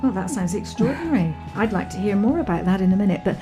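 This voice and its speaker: A woman's voice: medium pitch, expressive, fast, music in the background. Enthusiastic woman radio host. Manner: enthusiastic, gushing. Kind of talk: radio interview hosting.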